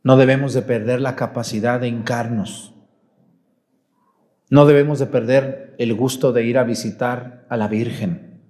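Folksy priest preaching. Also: male voice, medium pitch, fairly even intonation, measured pace, warm tone. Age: 40s. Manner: questioning the congregation directly, folksy. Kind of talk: sermon at Mass.

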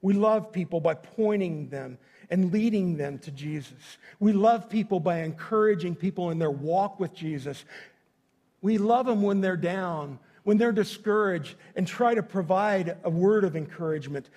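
A man's voice: sits high, moderate pace, a little mellow. A man preaching to a congregation as a pastor, speaking emphatically and directly to his listeners in a folksy way, repeating phrases for effect. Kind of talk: sermon to a congregation.

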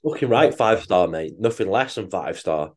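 A man's voice: deep voice, expressive, normal speed. A man co-hosting a podcast, chatting casually in a rambling, sweary, joking way. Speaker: podcast co-host.

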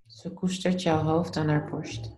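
A woman leading a guided meditation in a calm, soothing, gently instructive way. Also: deep voice, unhurried, reverberant, faint music behind.

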